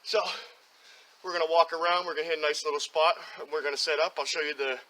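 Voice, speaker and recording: A man's voice: fairly high pitch, fairly even intonation, fast, low-quality recording. A man hosting a casual outdoor vlog by a creek in the woods, chatty and rambling as he talks to a camera on a tripod, out of breath after a hike. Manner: chatty, rambling, with frequent "uh" and "until then". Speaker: vlog host. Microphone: camera on a tripod, moving closer and farther. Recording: outdoor camera audio with loud stream noise. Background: running stream.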